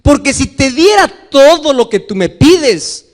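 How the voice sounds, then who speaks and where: A man's voice: very high voice, very animated, measured pace. A male pastor preaching a sermon to a congregation, asking them questions and acting out people's pleading words.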